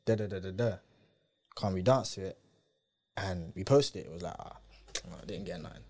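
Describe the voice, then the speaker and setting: A man's voice: low voice, fairly quick, a little mellow. A young adult man with a London roadman accent and heavy street slang, telling stories in a casual chat. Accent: London, urban roadman slang style. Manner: slangy roadman delivery with frequent "innit", "bro" and "fam". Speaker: guest, dancer.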